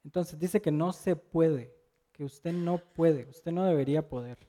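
A middle-aged man preaching with a mellow, somewhat high voice. He tells his sermon as a relaxed personal story, often asking rhetorical questions of his listeners. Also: a little slow.

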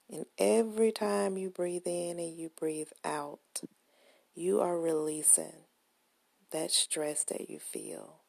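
A woman leading a guided relaxation meditation with gentle, soothing, unhurried instructions in a soft, breathy, husky voice, close to the microphone. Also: on the low side, dry recording.

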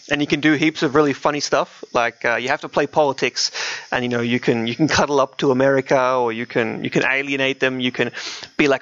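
A podcast co-host with a mid-range, fairly bright voice chats casually about video games, chatty and dryly joking. The home recording sounds muffled and roomy.

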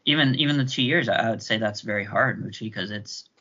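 A young man in casual podcast chat, talking in a hesitant, halting way with many restarts over a remote call. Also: lowish voice, crowd noise. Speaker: podcast co-host. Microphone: remote call mic. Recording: dull lo-fi call audio.

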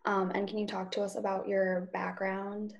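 A woman's voice: mid-range voice, flat delivery, normal speed, gravelly, lo-fi sound. A young woman moderating a casual discussion who peppers her speech with "like.".

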